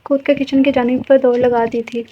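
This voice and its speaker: A woman narrating a romance novel aloud in a steady reading manner. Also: high voice, muffled recording, a little hiss or hum. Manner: steady reading, stops to remark on typos. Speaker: audiobook narrator.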